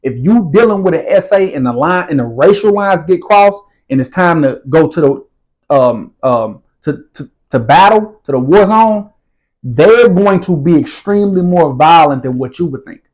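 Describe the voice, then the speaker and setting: A man tells his story as an interview guest in casual, streetwise slang, repeatedly asking "you feel what I'm saying". His voice is a little high, expressive and darkish, at normal speed, on a rough recording.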